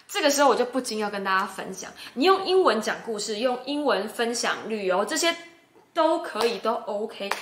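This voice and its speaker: A woman's voice: on the high side, fairly bright tone, slight background noise. A woman from Taiwan with a Taiwanese Mandarin accent, talking casually and emphatically to camera as a YouTuber and English host. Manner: emphatic, chatty, encouraging. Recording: roomy echo.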